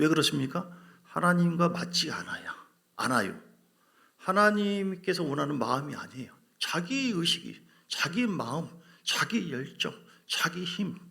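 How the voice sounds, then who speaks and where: A male pastor preaching a dramatic sermon, swinging between loud bursts and whispers and acting out biblical figures. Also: fairly high pitch, vocal fry. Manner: acts out voices of biblical figures.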